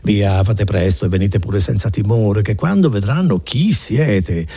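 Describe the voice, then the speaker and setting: A smooth male notary coaxes with false kindness. His husky, mellow voice lilts persuasively, as a male reader does him. He sounds ingratiating and sly. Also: lowish voice, animated, a little slow, exaggerated voice. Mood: coaxing. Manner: coaxing, ingratiating.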